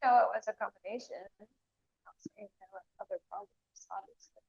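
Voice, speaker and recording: A woman's voice: mid-range voice, fast, creaky, darkish tone, breathy edge. A woman speaking from jail on a recorded prison phone call, with a wry, knowing manner and frequent small laughs.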